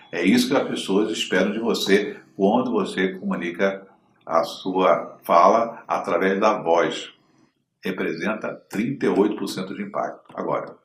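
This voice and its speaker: A man's voice: lowish voice, reverberant, slight background noise. A man teaching communication to the camera, often checking in with his listeners through short questions. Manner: didactic, asks listeners frequent check-in questions. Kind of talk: direct-to-camera lesson.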